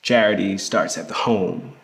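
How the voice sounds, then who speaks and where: A low, gravelly voice carries this earnest, impassioned dramatic reading of a memoir, set against music. The actor plays a reflective queer man who remembers his hustling grandmother with fondness. His theatrical first-person monologue is conversational and emphatic, marked by pauses and repeated words.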